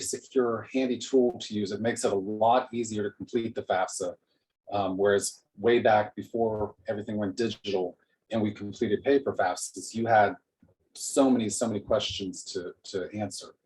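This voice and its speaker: A man's voice: fairly low pitch, a little mellow, poor audio. A man giving a presentation on financial aid over a video call, explaining step by step with frequent ums. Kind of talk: informational presentation.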